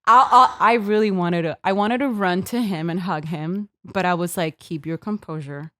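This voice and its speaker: A woman's voice: mid-range voice, moderate pace, no room sound. A young woman from Puerto Rico, co-hosting a podcast, telling a story in casual chat and acting out other people's voices. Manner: animated storyteller, acts out voices. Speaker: podcast co-host.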